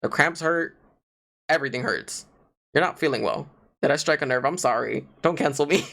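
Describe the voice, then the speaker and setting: A man's voice: a little high, moderate pace, vocal fry. A young man co-hosting a casual podcast, talking in a rambling way full of "like" fillers. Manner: rambling, lots of "like" fillers, animated. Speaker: podcast co-host. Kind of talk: casual chat.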